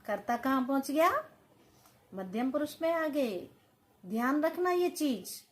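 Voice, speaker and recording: A woman's voice: high voice, expressive, unhurried. A woman teaching a Sanskrit grammar lesson, dictating sentences word by word and stretching each word. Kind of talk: slow classroom-style grammar lesson.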